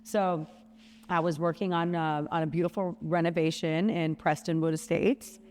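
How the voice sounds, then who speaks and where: A woman's voice: fairly low pitch, moderate pace. Female host, chatty storyteller who plays out quotes; reverberant room, faint hum behind. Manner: animated storyteller, acts out quotes. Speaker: podcast host. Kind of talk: casual storytelling chat.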